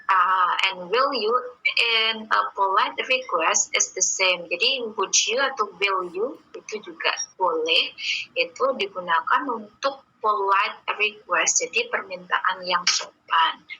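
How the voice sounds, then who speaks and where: A woman teaching an online English class, slowly reading out examples and patiently explaining them. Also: mid-range voice, sharp tone, slight background noise, rough recording. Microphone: video call or computer mic.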